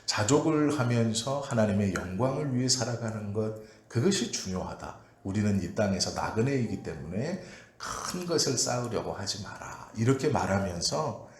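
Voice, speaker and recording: A male pastor preaching an early-morning prayer sermon in a calm, measured way, pausing often with "uh". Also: lowish voice. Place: church sanctuary. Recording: echoey church room with faint ambient noise.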